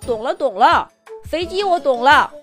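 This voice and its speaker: A woman's voice: high voice, animated, normal speed, fairly bright tone, soft background music, pitched above the performer's own voice. A woman voicing an eager, curious little mouse who chatters in a children's story.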